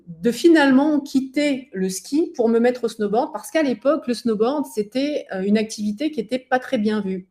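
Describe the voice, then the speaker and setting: A chatty former athlete in her forties from southern France presents a conversational webinar talk, with frequent hesitations and anecdotal asides. Her voice is on the high side with a darkish tone.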